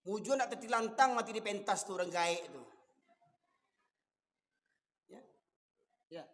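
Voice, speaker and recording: Forceful male preacher, Minangkabau accent, fiery rhetorical delivery, long hall reverb. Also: sits high, expressive, brisk. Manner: forceful, rises to shouting, fires rhetorical questions. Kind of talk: fiery sermon.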